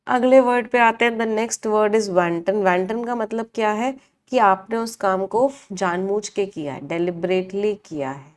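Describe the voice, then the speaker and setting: A woman's voice: medium pitch, unhurried. A woman teaching English vocabulary in a live online class, asking the class questions, answering them herself and repeating each meaning.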